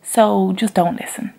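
A woman talks casually to the camera she is filming with at home. Her voice has a gravelly fry to it. She rambles along, teasing herself in a playful, self-mocking way. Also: medium pitch, warm tone. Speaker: vlogger. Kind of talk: casual self-filmed vlog chat. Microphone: camera she is talking into.

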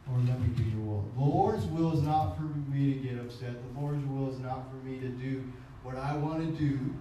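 A man preaching a sermon as pastor, emphatic, swinging between loud high stretches and low intense passages, slipping Japanese phrases into his English. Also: steady tone, normal speed, muffled recording, slight background noise. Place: church sanctuary. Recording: echoey church hall, mic at a distance.

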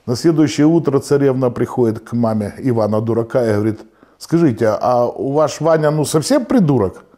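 A man telling comic jokes with animated delivery, acting out each character in the joke. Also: mid-range voice, fairly quick. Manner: animated, acts out the quoted characters. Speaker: joke teller.

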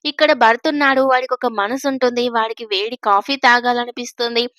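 A woman's voice: a little high, steady tone, a little fast, fairly bright tone, no echo, clean studio sound, lightly acted. A woman reading as a sulky, teasing young husband. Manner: playful, sulky pleading.

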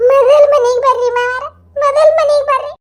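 A woman's voice: very high-pitched, flat delivery, moderate pace, pitched above the performer's own voice. A woman voicing a tearful young daughter-in-law in a cartoon, begging with a North Karnataka accent. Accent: North Karnataka Kannada.

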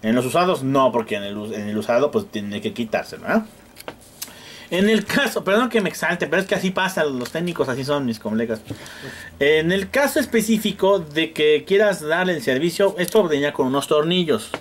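Mexican guy teaching a repair class, bit high voice, jokey and slangy, faint hiss behind. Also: animated, a little fast. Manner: joking, slangy, acts out frustrated customers. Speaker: electronics teacher. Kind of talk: hands-on class demonstration. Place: classroom with students.

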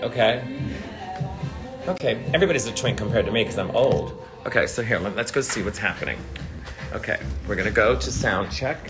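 A man in his forties with a fairly low, expressive voice talks briskly but pauses often, with music behind him. He's a drag performer livestreaming casual chat to viewers on a phone held at arm's length, brash, profane and sardonic. He walks an indoor hotel hallway, then rides an elevator.

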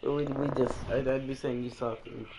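Waiting for a match, a gamer chats with friends in a game party, bragging and trash-talking in fun. His mid-range voice holds a flat pitch at a moderate pace, heard through muffled, lo-fi game chat with background noise.

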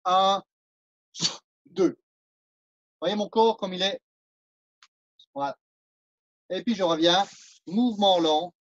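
A man's voice: high-pitched, slow pace, pauses often, no room sound, highs cut off. A man with a French accent teaching a martial arts class, counting and explaining moves as he demonstrates them. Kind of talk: live online class instruction.

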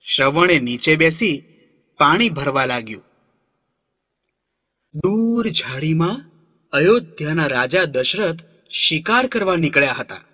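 A man narrating a children's story gently, now and then asking the young listeners questions. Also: on the high side, animated, unhurried, husky. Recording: long reverb hall.

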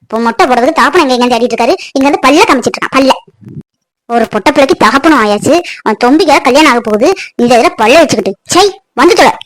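Woman plays a sharp-tongued young village wife, rapid delivery. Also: high voice, animated. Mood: scolding. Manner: sharp-tongued, teasing and scolding. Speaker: wife in family skit. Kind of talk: village family drama acting.

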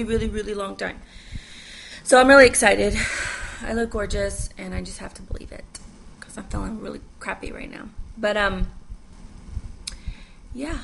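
A woman's voice: medium pitch, vocal fry, a bit bright, a little hiss or hum, rough recording. A young woman chatting casually at home through a makeup tutorial, rambling with self-deprecating asides. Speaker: makeup vlogger.

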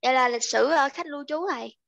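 Female student, high voice with gravelly fry, polite. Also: brisk, fairly bright tone, dry recording. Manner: polite, hesitant.

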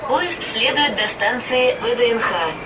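A woman giving calm, formal recorded metro station announcements, played over a train loudspeaker. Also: on the high side, unhurried. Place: inside a moving metro car. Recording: distant voice over loud train noise.

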